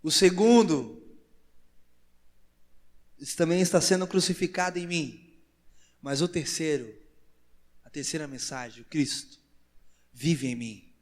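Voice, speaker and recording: A man with a Brazilian Portuguese accent preaching a sermon as pastor, in slow emphatic phrases that rise to loud exclamations. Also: on the high side. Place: large church hall. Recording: church hall with long reverb.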